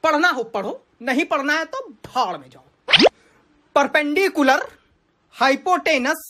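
Brief: a woman doing a high-voiced grumbling male math teacher, always fed up, comedy sketch, noisy home recording. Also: animated, measured pace. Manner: exasperated, grumbling rants. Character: flustered middle-aged male math teacher, short-tempered.

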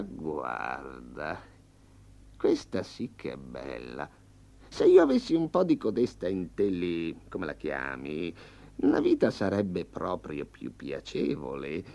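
A man's voice: gravelly, warm tone, heavily acted. A man doing a sly purring storybook tiger. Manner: low purring growl, slow and drawn out. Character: smug hungry male tiger, sly and menacing. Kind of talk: storybook reading. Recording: slightly dull lo-fi.

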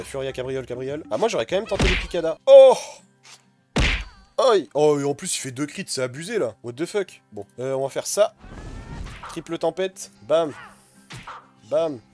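Fast-talking man commentating a game. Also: mid-range voice, lively intonation, over music. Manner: fast, chatty, talks to viewers while playing. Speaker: gaming video creator.

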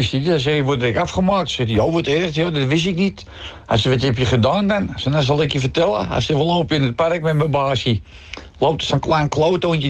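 A middle-aged man with a Dutch accent telling jokes on a radio show, switching voices for the characters. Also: fairly high pitch. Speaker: joke teller on radio show.

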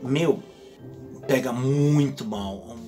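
A man's voice: medium pitch, drawn-out words, mellow, faint music behind. A man hosting a casual advice vlog, chatty and ending phrases with tag questions. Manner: acts out quoted speech in exaggerated voices. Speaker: host.

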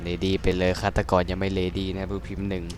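A young man giving casual, excitable game commentary, swearing crudely and yelping at scares. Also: deep voice, moderate pace, noisy background. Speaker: gaming streamer.

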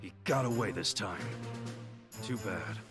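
A man's voice: on the low side, slow. A man voicing a small, shrewd detective creature in a video game, speaking in an assured, knowing way. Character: small male Pikachu detective, confident and shrewd. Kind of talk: video game cutscene acting. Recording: game audio under loud music.

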